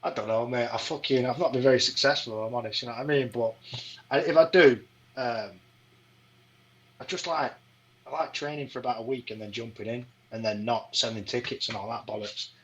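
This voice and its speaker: Sweary bloke chatting. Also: male voice, medium pitch, fairly even intonation, a little fast, fairly bright tone, low-quality recording. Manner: swears a lot, keeps asking "do you know what I mean". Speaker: podcast guest, fight MC. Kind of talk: casual chat.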